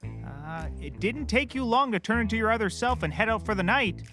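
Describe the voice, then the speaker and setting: In a scripted comedy, a man plays a bumbling, chirpy, oblivious private eye from a puppet world who rambles eagerly and cracks corny jokes. His exaggerated voice is high, very animated, fairly bright, and a little fast. Faint music plays behind him.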